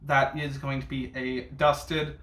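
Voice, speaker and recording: A man with a mid-range, fairly bright voice speaks slowly and evenly, hosting a ranking video as a reviewer. His casual reaction commentary has a sassy, bitchy drag-queen flair, packed with camp slang and swearing. The room is echoey, with faint background noise.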